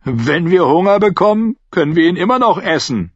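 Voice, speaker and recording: A man voicing a spiteful, mocking man who taunts the others in a high, jeering voice. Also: big pitch swings, slow pace, slightly rough, no echo, full character voice. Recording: dull, muffled audio.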